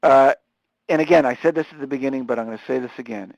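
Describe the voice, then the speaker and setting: A man giving a live webinar lecture, talking fast and animatedly with frequent restarts. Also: mid-range voice, gravelly, darkish tone, no room sound, highs cut off. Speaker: webinar presenter on supported employment.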